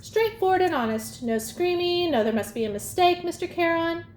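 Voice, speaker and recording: A woman's voice: extremely high pitch, expressive, normal speed, voice pushed up. Charon, a woman doing a sly male ferryman. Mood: smooth, mocking. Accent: British. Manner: sweet and cold, smooth, condescending. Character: smooth sly older male ferryman of the dead. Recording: echoey room, faint ambience.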